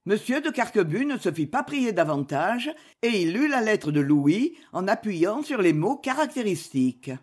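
A woman reading a novel aloud, expressive and measured. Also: medium pitch, husky. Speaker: audiobook reader.

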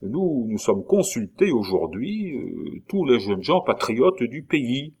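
A man's voice: medium pitch, slow pace, voice pushed up, exaggerated voice. A man reading aloud and voicing an eager, pushy young male villager in an audiobook. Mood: insistent. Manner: pushy, excitable.

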